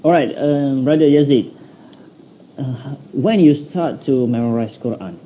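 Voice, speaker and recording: A man hosting a casual live-stream interview, asking short questions and giving soft brief replies. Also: mid-range voice, unhurried, slight background noise, poor audio. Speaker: host.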